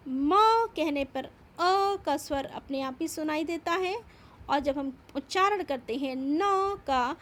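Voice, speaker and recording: A woman teacher giving a patient, step-by-step grammar lesson, explaining and repeating each point. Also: sits high. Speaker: school teacher. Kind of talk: slow classroom grammar lesson.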